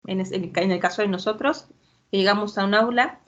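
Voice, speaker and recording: Woman moderating a debate online, measured and explainy, lots of fillers, muffled lo-fi call sound. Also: medium pitch.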